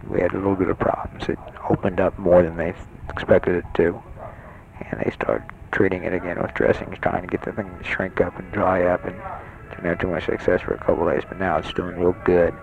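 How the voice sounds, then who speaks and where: Man murmuring low into a tape recorder. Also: little pitch movement, brisk, creaky. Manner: hushed, rambling, many fillers. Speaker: patient sending an audio letter home. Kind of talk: personal taped audio letter. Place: bed in a hospital ward. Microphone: portable tape recorder mic held close. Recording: dull lo-fi home tape recording. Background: other patients talking in the ward.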